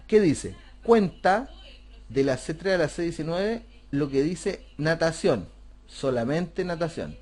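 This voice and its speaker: A man talks through a spreadsheet lesson step by step. His voice sits a little high, and he keeps checking in with rhetorical questions. It sounds like a close desk or headset mic on a screen recording. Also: lively intonation, slow, a little mellow. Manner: patient, step-by-step explaining, asks rhetorical questions. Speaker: computer class teacher. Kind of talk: screen-recorded software tutorial.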